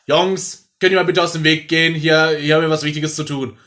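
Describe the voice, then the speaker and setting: A woman's voice: low-pitched, very animated, normal speed, pushed and bright, exaggerated voice. A woman playing a bossy, mischievous schoolboy who leads the other kids in a comic improv scene.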